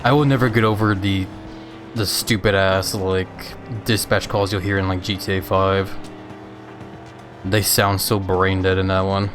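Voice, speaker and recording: Laid-back low-voiced man streaming games. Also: level tone, unhurried, over music. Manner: laid-back, chatty, laughs often. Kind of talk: casual live-stream chat while gaming.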